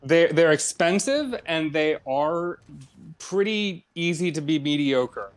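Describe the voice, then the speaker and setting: A man's voice: on the high side, expressive, slow pace. A man co-hosting a casual podcast, explaining his opinions thoughtfully and at length. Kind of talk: casual chat.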